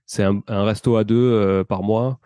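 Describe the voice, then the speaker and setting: Steady and mellow at a normal pace, this man's lowish voice is clear with a resonant tone, and the studio recording has no echo. He is a French entrepreneur and property investor of Portuguese descent, a talkative, slangy interview guest explaining his own experience at length in casual conversation.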